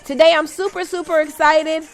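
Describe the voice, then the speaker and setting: A woman's voice: high-pitched, level tone, normal speed, faint music behind. A woman hosting an inspirational talk radio show, upbeat and teasing, who sometimes stumbles over words and corrects herself. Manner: upbeat, teasing, laughs at own jokes.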